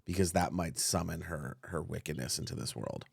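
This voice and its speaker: Deep, gravelly man cracking jokes. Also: moderate pace, no room sound, clean studio sound. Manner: joking, wry quips. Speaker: podcast co-host. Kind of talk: casual film discussion.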